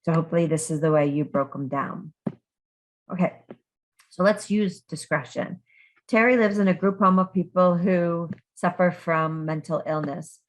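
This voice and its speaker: A woman with a fairly low voice talks through a recorded online lecture. She asks her students a stream of questions and stops to restart her sentences, with ums along the way. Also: moderate pace. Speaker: criminal justice instructor.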